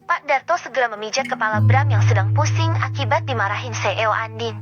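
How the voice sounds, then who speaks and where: A woman's voice: a little high, fast. Woman narrating a story over guitar. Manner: steady storytelling. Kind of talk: scripted narration. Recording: dull lo-fi with guitar music.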